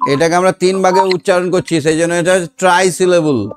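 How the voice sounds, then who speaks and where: A man teaching an online class, reading sentences out deliberately and explaining them patiently. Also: high-pitched, fairly even intonation, over music. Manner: patient, repeats words and checks that students can hear. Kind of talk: online class revision lesson. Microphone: online class call.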